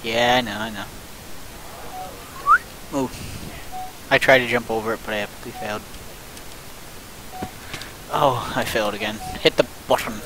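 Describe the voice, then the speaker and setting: A young man livestreaming a game with a friend, excitable and jokey, reading prompts aloud as he plays. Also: lowish voice, moderate pace, long pauses, background noise. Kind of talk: casual gaming chat.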